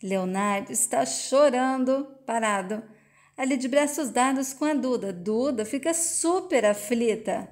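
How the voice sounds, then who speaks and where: A woman's voice: fairly high pitch, lively intonation, a little slow, a little mellow. A woman retelling a soap opera scene in plain present-tense play-by-play. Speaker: narrator.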